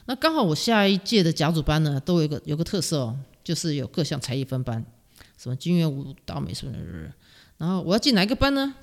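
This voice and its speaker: A middle-aged woman from Taiwan with a Taiwanese Mandarin accent, a music teacher telling stories as a guest in a casual interview, animated and self-mocking, laughing often. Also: low voice, quick pace.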